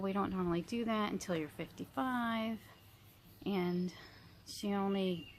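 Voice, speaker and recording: A woman in her early fifties chatting casually to viewers as a vlogger, rambling reflectively and pausing mid-sentence. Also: mid-range voice, darkish tone, a little hiss or hum. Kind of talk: casual chit-chat mukbang vlog.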